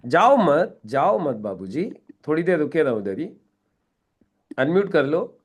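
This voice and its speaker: A man with a notably high voice runs a live online training session over a video call. He coaches his students directly and acts out sample conversations to show them how to speak. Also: sing-song, a little slow. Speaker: network marketing trainer.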